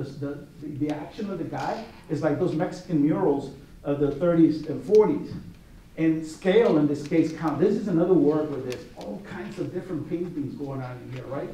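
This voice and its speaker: A man's voice: a little high, warm tone. Rambling man giving a roomy gallery talk. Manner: rambling, many restarts and asides, anecdotal. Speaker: art competition juror giving a gallery talk. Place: art gallery. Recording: roomy echo, distant mic, faint noise.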